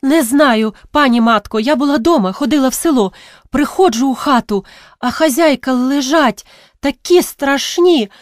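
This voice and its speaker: A woman's voice: high-pitched, normal speed, no room sound, voice pushed up, close to an everyday voice. A woman voicing a frightened young servant girl who pleads breathlessly, close to tears, in an audiobook reading. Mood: panicked pleading. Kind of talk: audiobook character voice.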